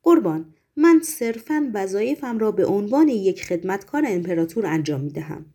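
A woman voicing a calm, deferential male secret-police chief who speaks quietly and courteously. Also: mid-range voice.

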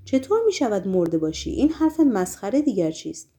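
A woman's voice: mid-range voice, very animated, warm tone. A woman voicing a menacing, bony-handed male demon henchman who speaks bluntly and commandingly in a storybook reading. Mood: brusque.

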